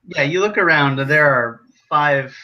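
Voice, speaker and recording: A man's voice: on the high side, normal speed, pushed and bright, lo-fi sound. A man acting as game master of a tabletop role-playing game, easygoing as he narrates the scene.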